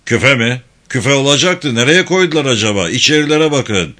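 A man voicing a brisk army captain who gives orders loudly in a storybook reading. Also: medium pitch, lively intonation, voice pushed up. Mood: commanding. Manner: commanding, brisk.

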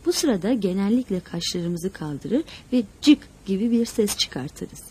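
A woman narrating a novel in an expressive storytelling manner. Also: medium pitch, measured pace, husky. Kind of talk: scripted audiobook narration.

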